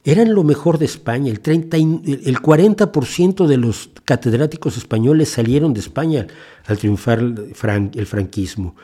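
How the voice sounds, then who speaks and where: A man's voice: medium pitch, animated, moderate pace, dark tone, husky. A man in his sixties from Mexico, hosting a podcast and delivering an indignant, impassioned opinion monologue with frequent restarts. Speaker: podcast host.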